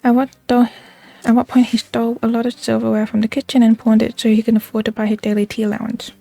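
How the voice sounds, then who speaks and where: A woman's voice: a little high, little pitch movement, fast talker, gravelly, dark tone, dry recording, soft background music. A woman voicing a gossipy game villager who confides other people's secrets while claiming not to gossip. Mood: confiding, gossipy. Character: gossipy villager, eagerly spilling a noble family's secrets. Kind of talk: read-aloud game character dialogue.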